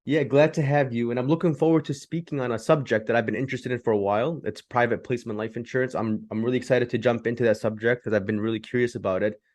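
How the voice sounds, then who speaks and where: A man's voice: medium pitch, fast talker, few pauses, no room sound. Podcast host man, dry sound. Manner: scripted intro, then relaxed questions. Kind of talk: podcast intro and interview questions.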